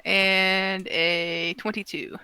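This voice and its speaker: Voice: medium pitch, level tone, drawn-out words, pushed and bright, clear, resonant tone. A player in a tabletop game, upbeat and eager as they call out rolls and moves.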